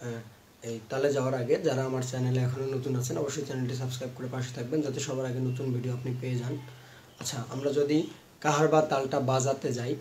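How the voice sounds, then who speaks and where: A patient man gives an instrument lesson, walking through a rhythm step by step and chanting the beat syllables aloud. His voice sits at a middle pitch. A faint hiss of noise runs behind him. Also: flat delivery, fast, a little mellow. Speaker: music teacher. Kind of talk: instrument tutorial.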